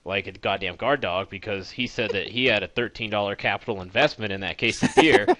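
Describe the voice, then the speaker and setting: A man's voice: fairly low pitch, animated, a little fast, bright, forceful tone, no room sound, rough recording. A man hosting a casual podcast chat, animatedly retelling his friends' antics. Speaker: podcast host.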